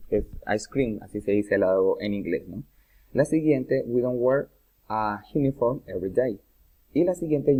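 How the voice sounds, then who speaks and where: A male teacher giving a recorded grammar lesson to students, patient and explanatory, pausing often to check that they follow. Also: mid-range voice. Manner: patient, checks in with "¿listo?" after each point. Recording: phone-like narrow audio.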